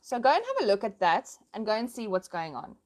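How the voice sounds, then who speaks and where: A woman's voice: mid-range voice, wildly swooping pitch, fairly quick. A South African woman chatting casually to her online followers in an informal, plain-spoken and emphatic way. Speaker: online commentator and host. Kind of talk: casual chat to followers, switching between languages.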